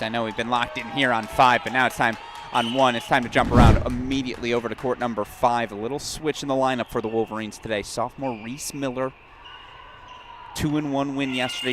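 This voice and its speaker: A man giving brisk, energetic live tennis play-by-play, rising to shouts on key points. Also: medium pitch, background noise. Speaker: tennis commentator.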